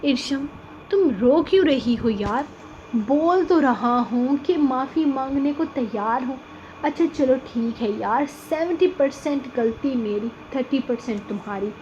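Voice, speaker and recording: Figure: affectionate young husband read by a woman. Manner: soft, gently coaxing. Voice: high and light. Style: audiobook novel reading. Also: highs cut off, slight background noise, lightly acted.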